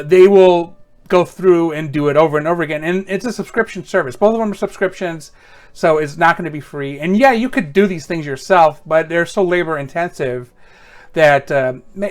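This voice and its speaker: High-voiced man giving casual tech tips. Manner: conversational, matter-of-fact. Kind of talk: informal how-to explanation.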